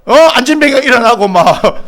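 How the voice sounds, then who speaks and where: A man's voice: very high-pitched, lively intonation, a little fast, a bit bright. A middle-aged Korean pastor with a Gyeongsang accent preaching a sermon, teasing his congregation by name and bursting into mock exasperation.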